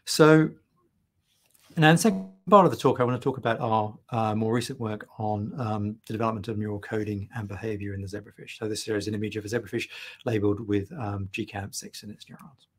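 A middle-aged man delivers a keynote lecture over slides on a video call, picked up by a webcam microphone. His fairly low, slightly rough voice is fast and fairly even, yet hesitant, full of ums and restarts.

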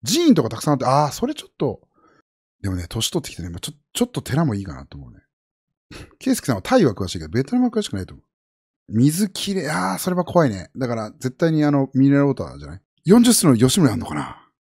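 A man's voice: fast, breathy edge. A man from Japan chatting casually with his viewers as a streamer, rambling and jumping from topic to topic. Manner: rambling, animated, jumps between high and low pitch.

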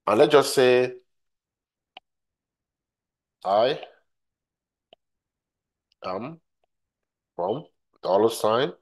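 A man giving a screen-recorded software tutorial, walking through steps and often checking in with "right?" while repeating his points. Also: mid-range voice, lively intonation, very slow. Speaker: tutorial instructor.

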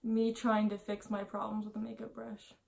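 A woman's voice: medium pitch, monotone, normal speed, gravelly, darkish tone. A woman in her twenties, tipsy from wine, chatting casually and scatterbrained through a makeup tutorial, muttering self-deprecating asides to herself. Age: 20s. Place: small indoor room at home.

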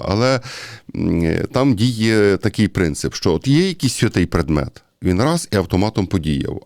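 A man's voice: deep voice, a little mellow, no room sound, clean studio sound. A man with a Ukrainian accent giving a conversational sermon-style Bible commentary, speaking directly to his listeners and often hesitating. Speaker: priest.

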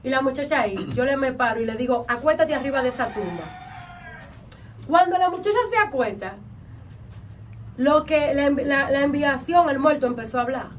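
A woman with a Dominican accent, a vodou practitioner recounting a ritual in an interview, animated and acting out the things she said. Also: high-pitched, fairly quick. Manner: animated, acts out quotes and chants. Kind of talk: storytelling in an interview. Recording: distant mic, faint background noise.

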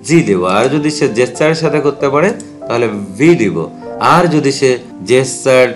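A man teaching step by step in a screen-recorded tutorial, slowing down to read English phrases aloud. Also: medium pitch. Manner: patient step-by-step explaining, reads English phrases out slowly. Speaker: teacher explaining a spreadsheet.

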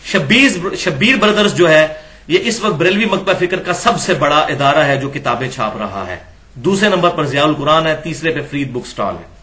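A man's voice: on the high side, lively intonation, bright, forceful tone. A man delivering a religious lecture. He reads passages from books and comments sharply, asking rhetorical questions. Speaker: Islamic lecturer.

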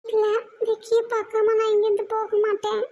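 A woman's voice: extremely high pitch, monotone, brisk, warm tone. A woman voicing a frightened, tearful young bride in a cartoon, with a Kongu Tamil accent and a sobbing, pleading way of talking. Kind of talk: cartoon voice acting.

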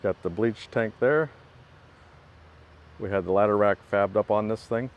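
Outdoors in a parking lot, an equipment builder holds a phone and gives a matter-of-fact walkaround of a work truck. His fairly low voice moves at a measured pace, and the recording has its highs cut off.

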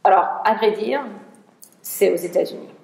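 Gravelly-voiced woman lecturing in a roomy hall. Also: mid-range voice, moderate pace, darkish tone. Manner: searching for words, frequent restarts. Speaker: researcher giving a lecture. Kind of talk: conference talk.

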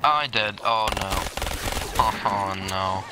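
A man playing a co-op shooter, making calm tactical remarks. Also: on the low side, slow pace. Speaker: gamer. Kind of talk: casual co-op gaming chat. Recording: loud noise under voice.

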